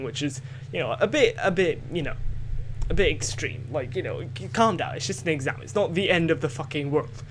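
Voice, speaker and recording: A Scottish teenager with a gentle accent and a fairly high voice rambles through a casual podcast monologue at home. He hesitates a lot, filling gaps and restarting his sentences. Some faint hiss or hum runs underneath.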